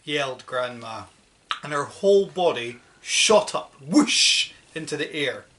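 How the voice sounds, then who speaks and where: A woman narrating a children's storybook with an expressive, dramatic reading. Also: low voice, measured pace, a little hiss or hum. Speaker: audiobook narrator.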